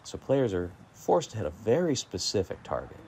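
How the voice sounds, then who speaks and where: A man giving low-key, measured golf commentary, calling the play shot by shot. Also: sing-song, a little mellow, slight background noise.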